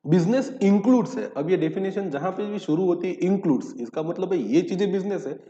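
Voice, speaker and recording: Speaking a little fast and sounding animated, a teacher with a high-sitting, mellow voice reads English legal text between Hindi explanations. He defines terms by raising questions and answering them, captured in a dull, echoey hall.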